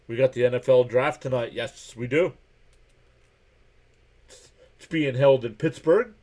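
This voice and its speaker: A man in a relaxed live stream calls pitches and ball-strike counts as they happen. His voice sits in an ordinary middle range and his delivery stays chatty and easygoing. Between pitches he greets viewers by name in an offhand way. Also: a little slow. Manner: calls pitches and counts while reading out chat messages. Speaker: live game reaction streamer. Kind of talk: casual live play-by-play commentary.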